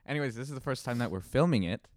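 A man's voice: mid-range voice, lively intonation, rapid-fire, no echo, clean studio sound. A young man co-hosting a casual podcast from home, rambling and laughing often. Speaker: podcast co-host. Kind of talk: casual chat. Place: home bedroom.

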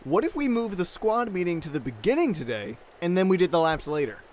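A man's voice: sits high, big pitch swings, brisk, darkish tone. A man playing a hesitant, wry young soldier who stammers, in a comedic audio drama.

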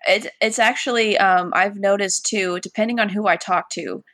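A woman's voice: medium pitch, steady tone, normal speed, fairly bright tone, no room sound, clean studio sound. A woman from Washington State in a casual chat with a friend, blunt and swearing freely, laughing often. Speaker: friend chatting.

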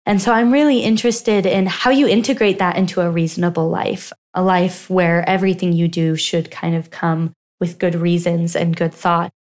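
A young woman with a slightly low voice answers interview questions as a doctoral researcher. She explains ideas articulately and with animated emphasis. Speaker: guest, philosophy doctoral researcher.

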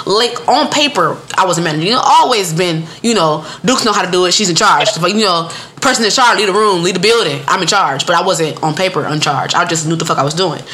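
A woman's voice: fairly low pitch, fast. A woman from Detroit co-hosting a podcast, telling a story in blunt, profane casual talk, laughing often. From Detroit, Michigan. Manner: blunt, animated, swears freely, laughs often. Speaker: podcast co-host.

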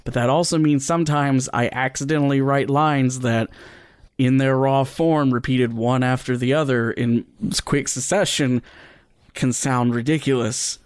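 A man's voice: medium pitch, steady tone, normal speed, smooth, no room sound, clean studio sound. A man hosting and editing a podcast, giving casual behind-the-scenes commentary in a wry, playful way. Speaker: podcast host and editor.

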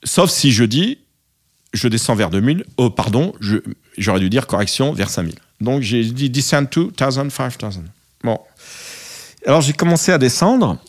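Guy recounting a flight, lots of euh and restarts, mid-pitched voice. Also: very animated. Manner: halting, many fillers and restarts; acts out radio calls in English. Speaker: pilot telling a story. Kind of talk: casual anecdote.

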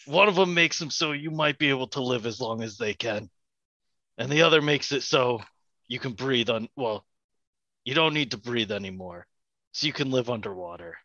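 A man's voice: mid-range voice, animated, moderate pace, long pauses, bright, forceful tone, dry recording. A man chatting casually as a player in a tabletop game, on a slightly dull, dry recording.

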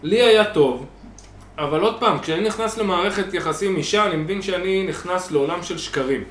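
A man, co-hosting a podcast, talking loudly and telling stories in casual banter. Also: high voice, roomy sound, a little hiss or hum. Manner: loud, animated storytelling. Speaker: podcast co-host.

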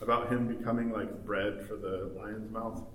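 A man in his thirties, a study group member, talks casually in a group discussion with a lowish, level, fairly bright voice at normal speed. He rambles with lots of fillers and laughs. The recording sounds roomy, with a distant mic and faint noise.

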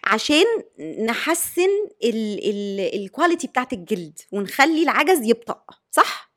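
High-voiced Egyptian woman host in her forties. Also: animated, moderate pace, fairly bright tone. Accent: Egyptian Arabic. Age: 40s. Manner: probing, restates and checks understanding. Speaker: podcast host. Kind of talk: casual podcast chat.

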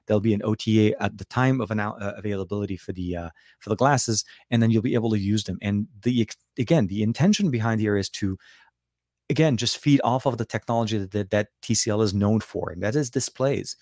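Low, slightly coarse man chatting on livestream. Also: quick pace, a little mellow, dry recording, studio quality. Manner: rambling, repeats and rephrases words. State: voice worn from a night out. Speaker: tech reviewer and livestream host. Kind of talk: casual livestream chat with viewers.

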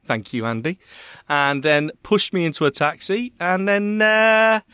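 A man's voice: sits high, a little slow, pushed and bright, smooth, dry recording, studio quality. A man from Bristol with a West Country Bristolian accent, co-hosting a podcast in casual, playful, theatrical banter full of exclamations. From Bristol, England. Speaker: podcast co-host.

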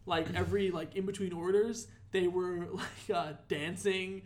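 A young man with a high voice hosts a casual chat. He tells his story in a loose, animated way, swearing as he goes. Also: a little slow. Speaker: podcast host. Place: apartment room.

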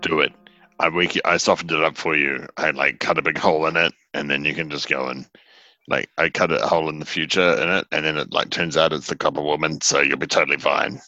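A man plays a tabletop game with casual banter. His voice is very deep yet sharp-edged, and the recording is dull. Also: steady tone, fast talker, dry recording. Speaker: player in tabletop role-playing game.

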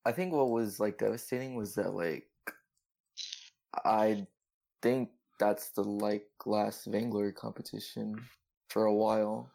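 A young man chatting casually in bro-ish gamer slang, swearing and haltingly circling back with lots of "like". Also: on the low side, steady tone, creaky, warm tone. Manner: halting, many repeats of "like". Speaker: competitive video game player on a podcast. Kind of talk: casual chat.

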